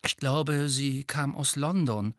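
A man voicing an earnest, hurried teenage boy wizard in an audiobook. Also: mid-range voice, dry recording, studio quality, natural voice. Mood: urgent.

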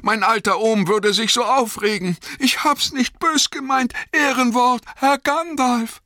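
A high, thin and fluttering young hobbit gardener, timid and eager to please, as a man puts him on in a storybook reading. He talks in a quick, pleading, breathless rush, and his voice sounds bright and close. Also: sing-song, dry recording, exaggerated voice.

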